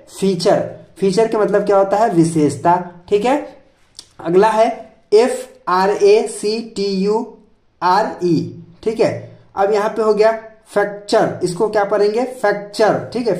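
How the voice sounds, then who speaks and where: Mellow-voiced male English teacher, roomy echo. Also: high voice. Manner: repeats each word as a question and answer; spells words letter by letter. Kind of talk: video lesson explaining spelling rules.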